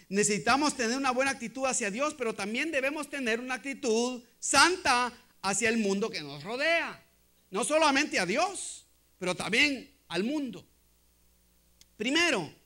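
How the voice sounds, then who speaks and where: High, bright-voiced male preacher. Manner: keeps checking in with the congregation, hesitant restarts. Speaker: pastor. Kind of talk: sermon.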